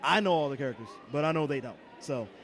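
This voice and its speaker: A man hosts cosplay interviews outdoors at a convention and teases his co-host in a playful voice. The voice sits high and swoops widely. A faint crowd murmurs in the background. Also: lively intonation, fast, fairly bright tone. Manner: playful, teasing, announcer-like delivery. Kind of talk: casual interview chat.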